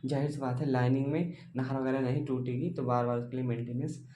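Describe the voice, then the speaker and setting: A man's voice: mid-range voice, level tone, fast, mellow, a little hiss or hum. A male teacher giving an exam-focused lecture, explaining step by step with many rhetorical questions and calling the students dear and brother.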